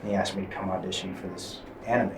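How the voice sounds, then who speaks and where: A man, an actor on a convention panel, answering candidly with halting restarts and fillers. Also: low voice, fairly even intonation. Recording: roomy distant mic with faint noise.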